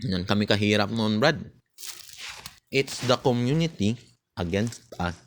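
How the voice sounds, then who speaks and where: A man's voice: fairly low pitch, expressive, unhurried. Taunting man ranting. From Philippines. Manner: bitter, taunting, mixes Tagalog with English, laughs between jabs. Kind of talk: casual ranting monologue.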